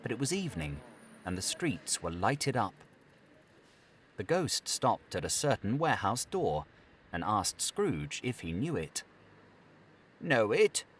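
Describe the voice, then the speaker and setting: Slow, expressive male audiobook narrator. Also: lowish voice, slight background noise. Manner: expressive, theatrical storytelling. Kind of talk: scripted narration.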